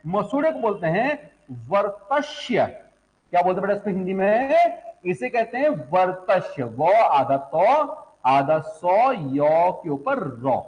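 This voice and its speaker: Man, young adult, teacher, high pitch, repeats syllables, reverberant classroom. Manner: asks students questions and answers them, repeats syllables. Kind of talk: classroom lecture on Hindi phonetics. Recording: echoey classroom.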